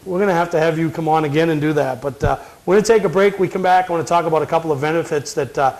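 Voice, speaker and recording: A quick, brisk male host with a somewhat high voice, running a casual interview. He talks in an upbeat, chatty way and keeps nudging his guest. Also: darkish tone, poor audio. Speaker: talk show host.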